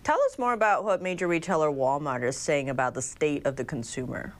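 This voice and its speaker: A woman anchoring a television newscast, reading scripted news in a crisp, measured way. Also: deep voice, animated.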